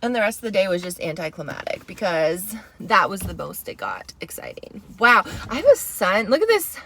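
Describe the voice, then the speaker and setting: A woman co-hosting a podcast in casual chat, telling a story in an animated way and acting out what other people said. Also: medium pitch, moderate pace. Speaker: podcast co-host.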